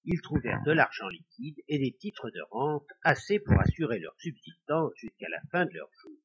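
A man narrating a folk tale in an expressive, dramatic reading. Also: fairly high pitch, normal speed, slightly rough. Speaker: storyteller. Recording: dull lo-fi recording.

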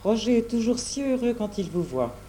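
A gracious noblewoman, kind and reassuring, speaks in a mellow, dark tone at a middling pitch, voiced by a man reading aloud. It is a storybook reading. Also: very animated, moderate pace, slight background noise. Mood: kindly.

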